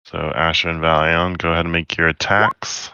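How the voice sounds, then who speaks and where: A man serves as game master, narrating the action and making calm rulings in an unhurried, matter-of-fact way. His voice is very low and smooth with a bright edge. The sound is dry and a little muffled. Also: no room sound.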